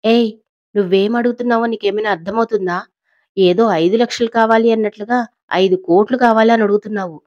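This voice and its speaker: A woman's voice: medium pitch, fairly even intonation, fast, a little mellow, no room sound, close to an everyday voice. A woman voicing a proud, powerful matriarch who talks back angrily and arrogantly in an audio story, recorded with a dry, dull sound. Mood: tense. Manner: arrogant, angry, pleading. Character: proud powerful older woman, cornered and angry.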